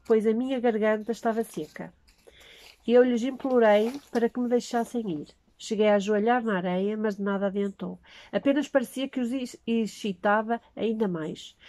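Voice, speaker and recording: Woman, first-person story reading, mellow voice, dry close sound. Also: fairly high pitch, dry recording. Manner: steady reading with small slips.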